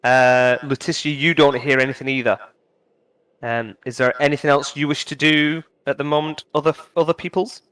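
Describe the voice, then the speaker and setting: Male game master, smooth voice, halting narration full of fillers and restarts. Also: medium pitch, fairly even intonation, fairly bright tone, rough recording.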